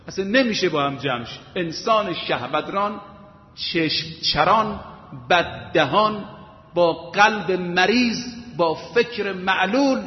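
A man giving an emphatic sermon, asking rhetorical questions and retelling stories with quoted voices. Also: sits high. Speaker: preacher. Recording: echoey hall, dull lo-fi sound.

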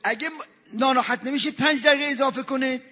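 Male preacher, very high voice, emotional storytelling sermon, chants, long hall reverb, dull sound. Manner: emotional, swings from hushed to loud, chants lines.

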